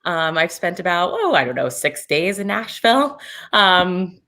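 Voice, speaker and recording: A raspy, hoarse woman travel advisor giving a casual online presentation over a video call, chatty and full of fillers. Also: on the low side, big pitch swings, unhurried, sharp tone.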